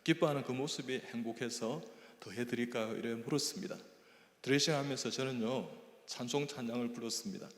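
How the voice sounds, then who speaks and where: A man's voice: mid-range voice, fairly quick. An older man, a church elder, telling a personal testimony as a sermon and acting out the dialogue in his stories. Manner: storytelling, acting out quoted dialogue, breaks into hymn singing. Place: church sanctuary. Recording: echoey church hall.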